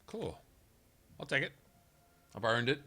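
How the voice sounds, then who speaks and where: A man commentates casually over a video game. His delivery is slow but very animated, with a bright, forceful edge and an irreverent streak. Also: mid-range voice, a little hiss or hum. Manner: irreverent, amused. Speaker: gamer commentator.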